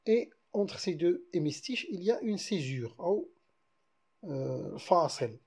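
A male teacher with a Moroccan accent lectures on French verse, moving between French and Moroccan Arabic. His voice sits a little high but sounds mellow and husky. He slows down to count out verses one syllable at a time. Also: very animated. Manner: explains slowly, then spells out verses syllable by syllable.

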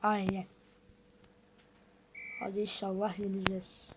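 A woman's voice: medium pitch, monotone, unhurried, noisy background. A woman giving casual gameplay commentary, talking to viewers and muttering reactions as she plays. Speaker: gaming video host.

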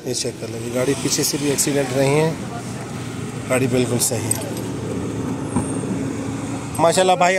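A man filming a walk-around vlog at an outdoor used car market, chatting with sellers and repeating their numbers back. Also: mid-range voice. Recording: outdoor street noise and engines.

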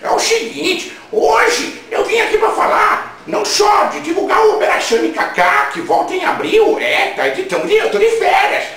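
A man playing a brash, indignant comic radio host, shouting crude, mocking rants. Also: extremely high pitch, sing-song, normal speed, gravelly, few pauses, full character voice. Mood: ranting. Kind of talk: comic rant. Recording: very echoey room, voice far from mic.

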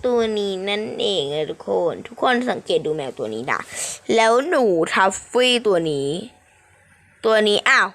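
Lively bright-voiced woman gaming streamer. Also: medium pitch, normal speed. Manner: animated, squealing exclamations, playful. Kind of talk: casual game commentary.

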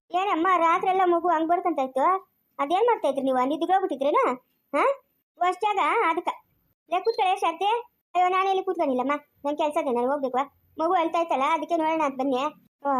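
A woman acting a fussing, quarrelsome village woman in a homemade family drama, with a rural Chikkaballapur Kannada accent. Her voice sits very high and she talks fast. She scolds, exclaims and repeats her questions.

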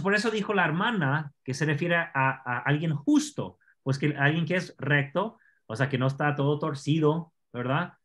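A man teaching an online scripture class, explaining Hebrew words slowly and asking his students questions. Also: on the high side, a bit bright.

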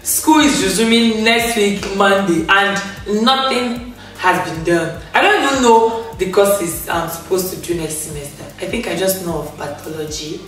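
A young woman vlogger chats to camera from a grey sofa in her living room, telling a casual storytime rant with lots of expression, frequent laughter and hand gestures. Her mid-range voice is still recovering after she lost it, and she's recorded from a distance, sitting a bit back from the mic in a strongly echoing room. Faint music plays underneath.

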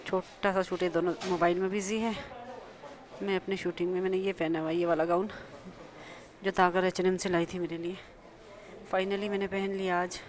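A woman vlogging casually in a soft voice, a little short of breath, speaking into a small clip-on mic. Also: lowish voice, flat delivery, normal speed. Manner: speaks softly after surgery, short of breath. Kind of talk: casual vlog narration.

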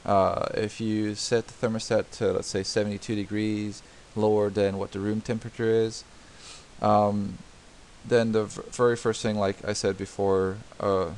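Over a diagram, a man walks through a home repair in unscripted screen-recorded narration, stepping through it with many fillers and restarts. His fairly low, darkish voice keeps a level tone at a normal speed, and a little hiss or hum can be heard.

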